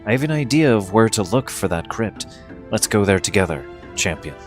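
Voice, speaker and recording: A man with a low voice reads fantasy game dialogue aloud as a streamer. Music plays faintly behind him. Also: big pitch swings, fairly quick. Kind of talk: reading game dialogue aloud, casual asides.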